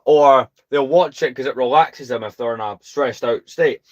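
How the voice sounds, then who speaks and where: A man from the UK with a British accent, hosting a casual livestream in a calm, soothing voice and a rambling, chatty, self-deprecating manner. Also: mid-range voice, moderate pace, highs cut off. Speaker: host.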